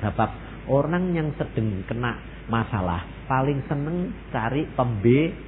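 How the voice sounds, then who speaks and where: A man with a Javanese accent preaching a sermon, animated, mixing in Javanese and acting out quoted prayers. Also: medium pitch, a little slow, slight background noise. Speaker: pastor. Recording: tinny phone-like sermon recording.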